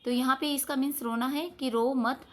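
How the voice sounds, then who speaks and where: A woman teacher giving an online English lesson, reading story lines slowly and translating them word by word. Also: sits high, fairly even intonation.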